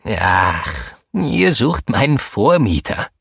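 A man's voice: fairly low pitch, sing-song, slow, gravelly, fairly bright tone, husky, no echo, studio quality, heavily acted. A man voicing a small, harmless, hairy male troll who talks in a chatty, easygoing way in a storybook reading. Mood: puzzled friendly.

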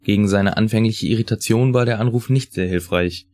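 A man reading a story aloud in a calm, even way. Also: fairly low pitch, a little fast. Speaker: reader. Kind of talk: scripted story narration.

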